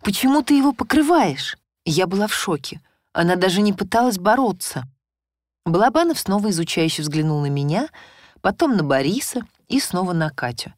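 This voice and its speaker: A woman reading a first-person story as audiobook narration, in an expressive storytelling manner. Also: on the low side, normal speed, dry recording, studio quality. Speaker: audiobook reader.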